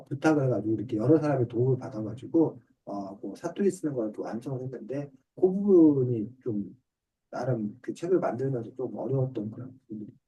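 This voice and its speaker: On an online video call, a middle-aged man, both an author and a reading teacher, takes a student's questions in a book discussion class. He explains politely and simply, one step at a time, in a warm mid-range voice captured by a distant microphone.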